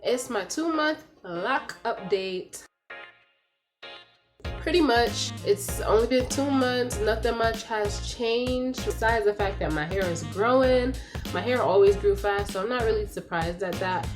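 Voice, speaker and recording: Young woman vlogger, kinda congested from a cold, chatty and candid, music playing clearly behind. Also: fairly high pitch, a little slow. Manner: chatty and candid, says "like" and "y'all" a lot. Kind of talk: casual talk to camera. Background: music, dog noise.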